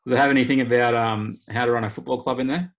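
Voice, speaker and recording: A man's voice: mid-range voice, fairly even intonation, rapid-fire, poor audio. An Australian man hosting a casual sports podcast, talking in a wry, rambling way. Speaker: podcast host. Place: remote video call.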